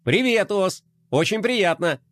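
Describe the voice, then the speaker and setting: A man doing a chirpy high toy skater boy. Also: lively intonation, a little slow, fairly bright tone. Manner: chirpy, lovestruck, giggly. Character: excitable young male toy skater.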